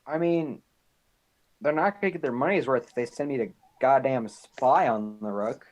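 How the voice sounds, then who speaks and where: A man playing a tabletop game on a live stream talks in character, hesitant and full of ums, often trailing off. His mid-range voice moves at a moderate pace, and the sound is lo-fi.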